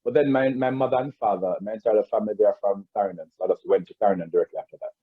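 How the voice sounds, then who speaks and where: Over a video call with tinny, phone-like audio, a man with a Jamaican accent tells stories about growing up as a guest in a casual interview. His lowish voice has a breathy edge and there's no echo; he talks very fast, rambling with many restarts and repeated words.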